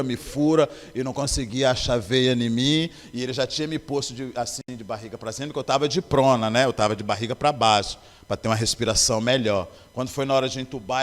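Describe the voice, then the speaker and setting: A man's voice: medium pitch, steady tone, fast, hardly any pauses. A man giving a personal testimony in church, telling his story earnestly and acting out the dialogue. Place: church sanctuary. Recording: long church hall reverb.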